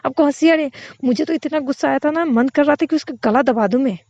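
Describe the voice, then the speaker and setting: A woman's voice: mid-range voice, moderate pace, mellow, no room sound, close to an everyday voice. A woman voicing a hot-tempered young woman in love who scolds and then turns tender, in a dull, dry lo-fi recording. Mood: fuming.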